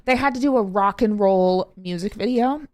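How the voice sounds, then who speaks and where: Rambling, excitable woman podcaster. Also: mid-range voice, normal speed. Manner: rambling, excitable storyteller, jumps between tangents. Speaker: podcast co-host. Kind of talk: casual chat.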